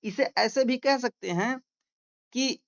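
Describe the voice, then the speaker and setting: A man teaching a class, reading each English line slowly and explaining it word by word, often checking with a quick question tag. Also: very high voice, gravelly, a bit bright, muffled recording.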